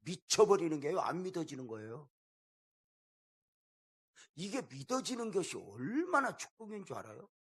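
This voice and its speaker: Husky-voiced Korean pastor preaching a sermon. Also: male voice, on the high side, very animated, normal speed, pauses often. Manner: storytelling, swinging from loud bursts to hushed quoted lines. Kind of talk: revival sermon.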